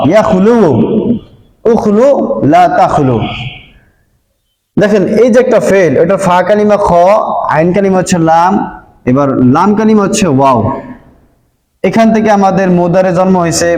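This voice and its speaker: Male grammar teacher at a board, high-pitched, patient, repeats and checks in, roomy and reverberant sound. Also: darkish tone. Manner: patient, repeats points and checks understanding often. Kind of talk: board lesson explaining Arabic verb forms. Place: room with a board. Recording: echoey room with long reverb.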